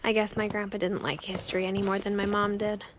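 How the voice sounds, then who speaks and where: A woman's voice: mid-range voice, level tone, fast talker, background noise, lightly acted. A woman playing a young woman who narrates her family's past in a reflective, scripted style.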